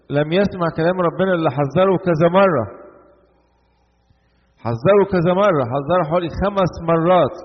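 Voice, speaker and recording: A man with an Egyptian Arabic accent preaching a sermon, asking rhetorical questions and swinging between emphatic bursts and low, quiet lines. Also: slightly rough. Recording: lo-fi recording in a reverberant hall.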